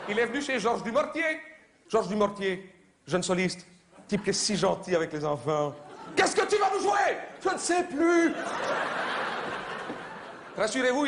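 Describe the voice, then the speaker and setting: A comedian talks to his audience in a high, mocking, chatty voice, breaking now and then into shouted put-on voices. The live show recording carries a laughing crowd and steady noise. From Belgium. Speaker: stand-up comedian. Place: theater stage before a live audience. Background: audience laughter and applause.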